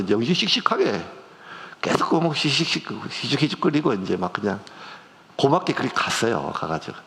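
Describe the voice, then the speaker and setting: A man's voice: mid-range voice, gravelly. A middle-aged male pastor, preaching a conversational sermon with strong emotional swings. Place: church sanctuary. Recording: long church reverb.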